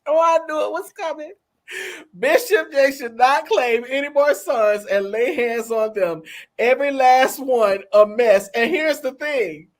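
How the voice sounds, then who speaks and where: A woman with a high, unhurried voice co-hosts a talk show, chatting casually and with animation. She laughs and calls out to her audience.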